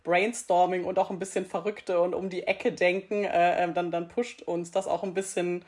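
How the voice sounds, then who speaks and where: A woman's voice: on the low side, little pitch movement, normal speed, darkish tone. A woman, a guest in an interview, talking chattily and laughing as she tells stories. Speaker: employee engagement team member, guest. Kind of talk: conversational interview talk.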